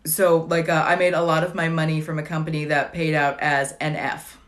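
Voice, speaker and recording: Woman, late 30s, livestream host; casual, joking, rambling delivery, lowish pitch. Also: level tone, a little fast. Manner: chatty, wry and digressive, with dry jokes. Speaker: livestream host answering viewer questions.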